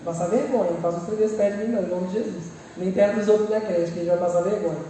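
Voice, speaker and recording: A woman with a Brazilian accent preaching a lively sermon and acting out people's prayers with humorous asides. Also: mid-range voice, racing, a little hiss or hum. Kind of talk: church sermon. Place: large church hall. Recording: echoey church hall, mic far off.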